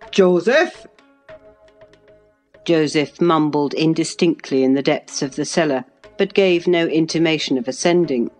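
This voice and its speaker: Low-voiced woman reading a classic novel. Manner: measured, even literary reading. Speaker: audiobook narrator.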